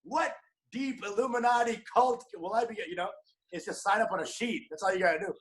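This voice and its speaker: A man in his thirties from Dallas, a guest comedian chatting casually on a podcast, energetic, joking and profane. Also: high voice, brisk, low-quality recording. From Dallas, USA.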